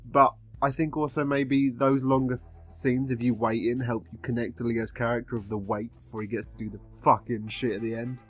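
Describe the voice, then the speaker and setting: A man's voice: mid-range voice, level tone, brisk, few pauses, faint music behind. A man giving a casual film review in a drunken, rambling way, swearing often as he talks. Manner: frequent swearing.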